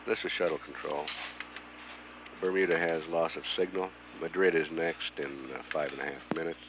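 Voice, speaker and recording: A man giving live mission control commentary in a halting manner, with frequent long hesitations. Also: very deep voice, steady tone. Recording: dull mission audio feed, hum and noise.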